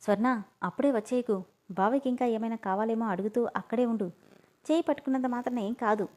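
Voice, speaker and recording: A woman's voice: a little high, quick pace, darkish tone, lightly acted. A woman voicing a scheming middle-aged mother who talks in a coaxing, bossy way.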